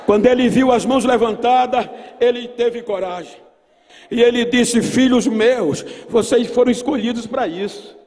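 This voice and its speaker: In a large church auditorium, a Brazilian man in his sixties preaches to a big congregation at a youth Bible seminar, delivering an emphatic, oratorical sermon into a microphone on a podium stand. His voice is very high yet a little mellow, at a moderate pace, and the PA leaves a long hall reverb.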